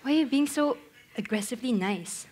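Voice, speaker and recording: A woman's voice: fairly high pitch, lively intonation, normal speed, a little mellow, slightly rough. A young woman acting in a student play as a blunt, sassy friend.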